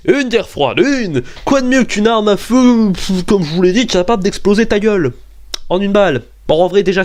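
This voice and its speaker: High-voiced excitable young man ranting. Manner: excitable, swearing, jumps into high-pitched outbursts and argues with himself. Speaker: YouTube weapons video host. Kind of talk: comedic rant vlog.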